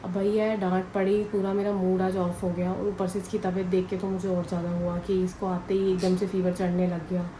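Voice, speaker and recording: A woman's voice: fairly low pitch, completely flat delivery, a little fast, hardly any pauses, mellow, a little hiss or hum, poor audio. A young woman, chatting casually and at length to her vlog viewers from home. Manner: chatty, rambling, talks straight to viewers. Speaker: family vlogger.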